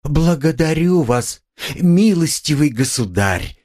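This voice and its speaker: A man voicing a proud, desperate poor widow woman who talks in a shrill, haughty way and screams. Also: expressive, measured pace. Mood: haughty pleading.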